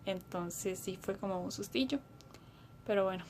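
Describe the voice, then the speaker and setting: A woman recounts an experience in a mid-pitched, conversational voice. She hesitates often and quotes what others said along the way, with a faint noise underneath. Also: moderate pace, a little mellow. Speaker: interviewee. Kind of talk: casual recollection.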